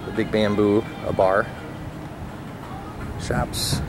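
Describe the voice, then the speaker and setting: A man in his thirties gives a relaxed, wry walking tour, talking while he walks outdoors with a handheld camera. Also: fairly low pitch, extremely slow, music in the background. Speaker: vlogger. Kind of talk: casual walking-tour narration. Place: outdoors on sunny island streets. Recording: outdoor camera audio with street noise.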